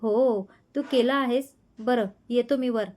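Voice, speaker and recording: A man's voice: very high voice, steady tone, slow, a little mellow. A woman voicing a playful, daring young man who teases and coaxes his fiancée in a spoken love story. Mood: coaxing. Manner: teasing, coaxing.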